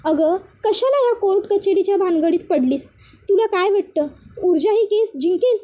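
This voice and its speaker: A woman's voice: extremely high pitch, lively intonation, normal speed, mellow, pitched above the performer's own voice. A woman voicing a scheming elder sister who speaks in a coaxing, persuasive way.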